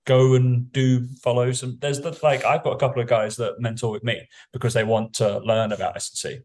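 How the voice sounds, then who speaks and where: A man's voice: mid-range voice, little pitch movement, fairly quick, a little mellow. A British man, a fitness coach, chatting casually on a podcast in a blunt, sweary, rambling way.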